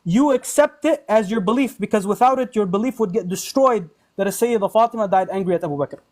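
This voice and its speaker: A high-voiced man argues in a heated online debate. He is combative and taunting, and he throws insults at his opponent as he makes his case. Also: fast talker, darkish tone.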